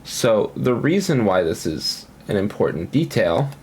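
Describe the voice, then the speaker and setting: A man's voice: lowish voice, sing-song, normal speed, a little mellow, slight background noise. A man casually commenting on his gameplay at home, rambling and thinking aloud with lots of fillers. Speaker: gaming commentator.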